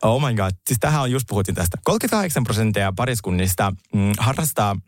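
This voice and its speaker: A man's voice: fairly low pitch, expressive, no echo, clean studio sound. A man co-hosting a casual chat podcast, talking animatedly, laughing often and dropping in English phrases. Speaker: podcast co-host.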